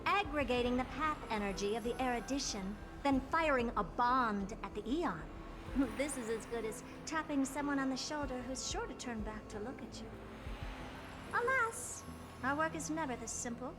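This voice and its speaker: A woman's voice: high-pitched, expressive, normal speed. A woman voicing an aloof genius scientist in a video game, with a dry, condescending, lecturing manner. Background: game music.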